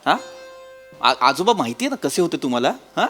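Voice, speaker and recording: Brief: flustered grieving grandson, high voice, stammering protests. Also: male voice, big pitch swings, moderate pace, fairly bright tone, faint music behind. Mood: exasperated. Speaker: comedy sketch actor. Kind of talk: stage comedy sketch.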